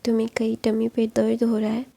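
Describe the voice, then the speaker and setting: A tender young husband soothing his partner in a hushed, level voice, as a woman narrator puts him on. The tone stays low and mellow with a gravelly, husky edge, and it rarely rises or falls. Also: monotone, a little fast. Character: gentle, protective young husband.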